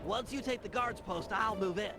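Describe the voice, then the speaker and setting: A man's voice: high voice, normal speed, over music. A man voicing a nerdy, nervous male sidekick in a video game. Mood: fussy.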